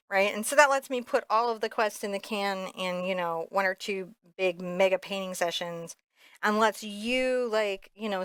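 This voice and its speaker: A painting instructor walks through a casual step-by-step lesson, thinking aloud candidly and informally with rambling asides. Her mid-range voice is fairly bright, clear and resonant, with no echo.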